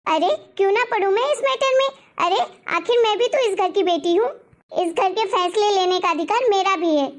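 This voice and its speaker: A woman voicing a caring, protective adult daughter in an animated family story, firm and reassuring. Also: very high voice, normal speed. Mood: indignant. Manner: reassuring, then scolding.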